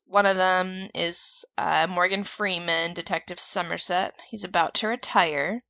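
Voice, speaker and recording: Slow, gravelly-voiced woman chatting casually. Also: on the low side, pushed and bright, no room sound, highs cut off. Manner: rambling, filler-heavy recap. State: sick. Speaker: podcast co-host. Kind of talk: casual chat.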